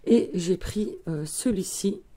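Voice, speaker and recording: A woman's voice: fairly low pitch, slow pace, dark tone. A woman hosting a craft tutorial, chatting casually as she shows her materials, with many small fillers. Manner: chatty, fills with "euh" and "voilà", talks while handling materials.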